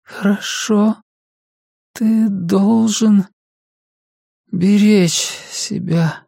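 A man voicing a weak, bedridden elderly mother who speaks faintly and slowly in a tender, whispery voice. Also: high voice, fairly even intonation, creaky, dark tone, no room sound, clean studio sound, voice pushed up, heavily acted.

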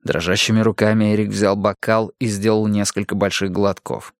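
A man in scripted audiobook narration, reading in an even, measured way. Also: on the low side, no echo, studio quality.

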